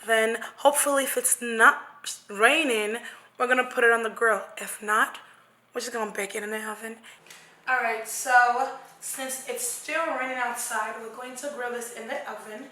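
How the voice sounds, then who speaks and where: A woman's voice: a little high, steady tone, moderate pace, bright, forceful tone. A young woman from Nigeria hosting a casual cooking tutorial in her home kitchen, playful and brash, her voice partly gone. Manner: playful, brash, swears jokingly. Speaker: cooking vlogger. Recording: very echoey kitchen.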